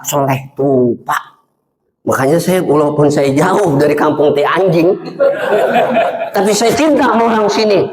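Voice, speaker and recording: A man preaching a dawn sermon, joking with the congregation and swinging between excited high tones and sad low ones. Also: low-quality recording. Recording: live crowd heard around the voice. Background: crowd.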